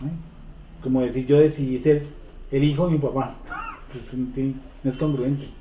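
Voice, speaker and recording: A man leading a Bible study, quizzing the seated group and repeating verses slowly. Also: medium pitch, fairly even intonation, slight background noise. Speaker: Bible teacher. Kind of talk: interactive Bible study teaching. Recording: echoey room over a tinny phone-like line.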